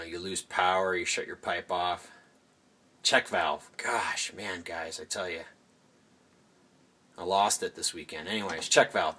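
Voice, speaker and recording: A man with a low voice talks casually to his viewers while he films a home project on a handheld camera. He rambles, loses his thread and corrects himself as he goes, in an easygoing walkthrough. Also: sharp tone. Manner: rambling, self-correcting, addresses viewers as guys. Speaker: hobbyist host. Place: home indoors.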